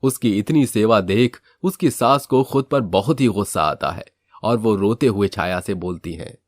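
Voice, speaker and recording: A man narrating a moral storybook tale in a steady, even way. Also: lowish voice, moderate pace, dry recording, studio quality.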